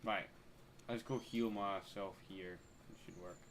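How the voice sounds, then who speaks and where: A man's voice: lowish voice, steady tone, measured pace. A man doing casual gameplay commentary, muttering to himself and swearing freely. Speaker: gamer. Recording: clear game noise behind voice.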